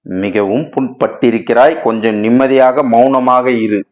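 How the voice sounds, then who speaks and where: A man voicing a calm male friend in a storybook reading, asking steady questions and urging the other to speak plainly, on a dull lo-fi recording. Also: medium pitch, normal speed, close to an everyday voice. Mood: impatient. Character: calm male friend, patient but pressing.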